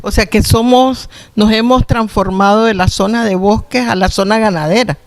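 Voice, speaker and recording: A woman's voice: medium pitch, normal speed. A woman. She works as the interviewer, putting her questions in a conversational way.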